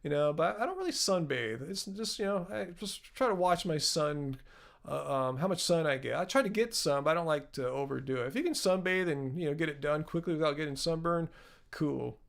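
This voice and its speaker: A man's voice: on the high side, expressive, brisk, gravelly. A man in his fifties hosting a casual live-stream Q&A, chatty and rambling as he answers viewers' questions. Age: 50s. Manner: chatty, rambling, self-correcting, laughs at own jokes. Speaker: channel host answering live chat.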